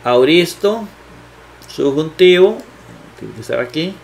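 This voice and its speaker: A man teaching a grammar lesson at his computer, speaking slowly with many fillers and rhetorical questions. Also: fairly high pitch, lively intonation, vocal fry, darkish tone, slight background noise. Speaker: Bible teacher.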